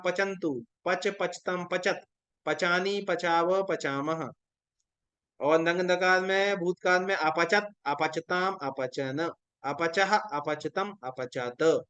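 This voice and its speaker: A young male teacher with a high, smooth and resonant voice leads an exam-prep lesson. He recites verb forms one after another in a steady, rhythmic drill. He stops now and then to correct how students pronounce them. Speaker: Sanskrit teacher.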